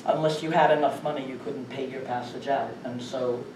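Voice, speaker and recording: A man's voice: mid-range voice, steady tone, fairly quick, recorded from a distance. A man giving a public lecture to an audience in a room, speaking emphatically and asking the audience rhetorical questions. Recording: echoey room recorded from afar, faint noise.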